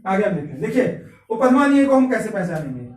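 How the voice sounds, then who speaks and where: Man, very high voice, classroom teacher drilling letter sounds, echoey room, distant mic. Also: very animated, quick pace, a little mellow. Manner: repeats sounds aloud and quizzes students. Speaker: Sanskrit grammar teacher. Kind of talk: classroom lesson.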